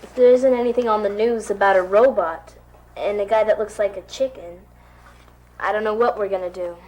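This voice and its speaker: A woman voicing a brisk, practical young detective in a cartoon. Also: mid-range voice, steady tone, a little mellow, slight background noise, lightly acted.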